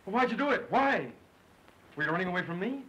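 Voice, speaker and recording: A young actor playing a romantic soldier who talks in an earnest, pleading way, in a 1930s film style. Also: male voice, sits high, expressive, fast talker, fairly bright tone, rough recording. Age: young adult.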